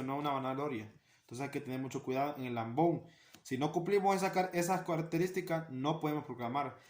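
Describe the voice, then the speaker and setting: A man's voice: on the high side, echoey room. A man giving an earnest talk on liturgy, repeating key phrases for emphasis. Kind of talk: spoken catechesis talk.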